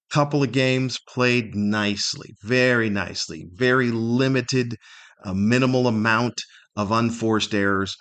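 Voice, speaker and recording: A middle-aged man hosts a casual solo podcast, telling stories in a rambling, wry, self-deprecating way. His voice is on the low side, though a bit bright.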